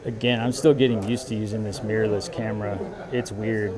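A man in his thirties, a barber and shop owner, talking casually while he works, relaxed and rambling with many fillers, moving around the room away from the camera mic. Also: on the low side, a little fast, crowd noise. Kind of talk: casual talk while working. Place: barbershop with brick walls, indoors.

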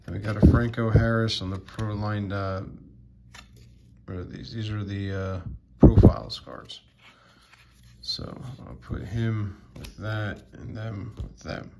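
Man, card vlogger, unhurried, gravelly, low-pitched, reads player names with fillers. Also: heavy background noise. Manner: slow, mumbled reading of names with many fillers. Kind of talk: casual card sorting commentary.

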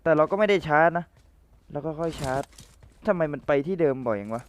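Chatty young Thai man, slightly high-voiced. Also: fast, a little hiss or hum. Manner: playful and chatty, talks to viewers and teammates, excited outbursts. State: rough voice from cold weather. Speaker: gamer commentating his own match. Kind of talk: casual gameplay commentary.

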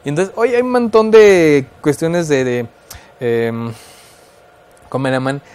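In a fairly high, darkish, clean-sounding voice, a man with a Mexican Spanish accent unhurriedly explains child development as an expert radio guest. He is thoughtful, though he uses fillers and restarts his sentences.

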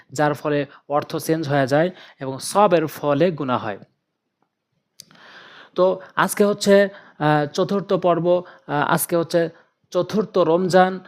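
A man teaching Quran letter pronunciation, explaining rules and slowly drilling each syllable with patient repetition. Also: a little high. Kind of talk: slow spoken lesson with drilled recitation.

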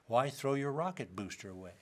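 A man's voice: medium pitch, animated, a little fast. A man giving a university lecture, explaining ideas with dry wit and reading out short quotations.

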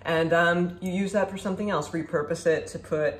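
A woman's voice: lowish voice, fairly even intonation, fairly quick. Chatty woman in an echoey kitchen. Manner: chatty and upbeat, demonstrating food while talking. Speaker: food vlogger. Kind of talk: casual product review. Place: home kitchen, indoors. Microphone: camera at a distance, standing at a counter. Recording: echoey kitchen with faint ambience.

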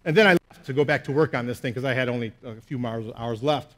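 A man's voice: mid-range voice, fast talker, fairly bright tone. A man preaching a sermon as pastor, telling a story with animation and self-mockery and often checking in with "okay?".

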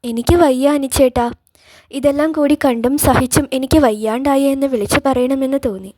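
A woman voicing a gentle young elder sister with a soft, soothing way of speaking in a storybook reading. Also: high-pitched, steady tone, fairly quick, no echo. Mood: anxious.

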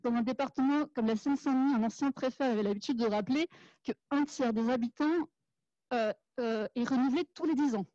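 A woman from the Paris suburbs in France, an urban planner and activist, makes an earnest, articulate argument from the audience at a debate in a small, crowded café room. Her voice is high-pitched, brisk and warm, and the recording is dry, dull and lo-fi, typical of an event capture.

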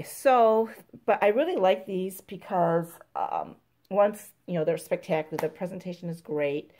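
Mellow-voiced woman chatting about her collection. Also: fairly low pitch. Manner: chatty, rambling, reads product blurbs aloud. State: out of breath. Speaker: candle collector vlogger. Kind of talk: casual show-and-tell vlog.

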